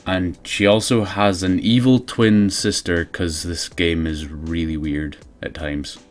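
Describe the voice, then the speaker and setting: Sardonic, lowish-voiced male game reviewer. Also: fairly even intonation, takes it slowly. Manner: sweary, sardonic. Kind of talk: casual comedic review commentary.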